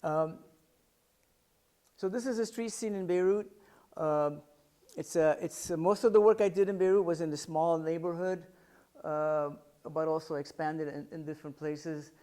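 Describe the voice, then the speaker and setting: A middle-aged American man with a fairly high, mellow voice gives an artist talk about his photographs at a library art center. He speaks at normal speed with fairly even intonation, thoughtful and searching for words, often restarting and using fillers.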